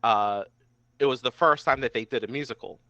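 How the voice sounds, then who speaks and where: Speaking a little quickly, this young man uses a medium-pitched, pushed, bright voice with no echo. He's a podcast guest reminiscing in a relaxed way, leaning heavily on "like," and the mic sounds dry and somewhat dull.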